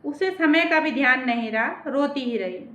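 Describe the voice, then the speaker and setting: Female storyteller, high bright voice, slow emotive folk-tale delivery, roomy slightly muffled recording.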